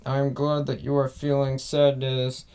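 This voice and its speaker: A man's voice: medium pitch, monotone, unhurried, a little mellow, clear, resonant tone, lightly acted. Cold scheming grandmother, read out by a man. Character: cold manipulative grandmother, older woman.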